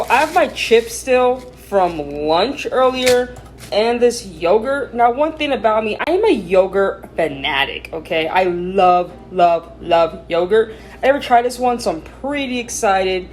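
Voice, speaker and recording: A young woman chatting casually through a food vlog, talkative and animated, laughing often. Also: mid-range voice, a little hiss or hum. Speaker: vlogger. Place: in her car, then at home.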